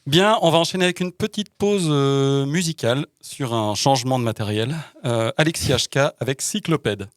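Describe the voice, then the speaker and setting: A man's voice: medium pitch, normal speed, few pauses, no echo. A man hosting a podcast, chatting thoughtfully and introducing a music break. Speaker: podcast host. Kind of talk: casual chat and show links.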